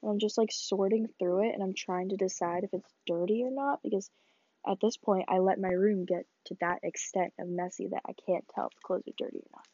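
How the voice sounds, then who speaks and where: A woman's voice: mid-range voice, steady tone, a little fast, dark tone, slightly rough, no echo, lo-fi sound. A teenage woman hosting a casual solo podcast, chatty and rambling, sniffling and laughing as she talks. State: sniffly, coughing. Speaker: podcast host. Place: small bedroom.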